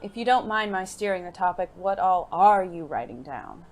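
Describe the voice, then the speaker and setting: Playing a refined gentleman secret agent for an audio drama, the actor is suave and genteel, teasing and flirting playfully in formal language. His expressive mid-range voice, at a normal speed, stays close to how he'd ordinarily talk.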